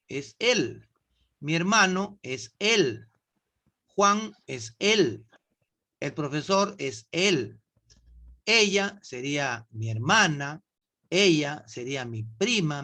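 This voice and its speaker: A man teaches an online English class, explaining grammar slowly and patiently. His voice is bright and a little high for a man. He keeps checking in with his students as he goes. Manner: slow, patient, asks students questions.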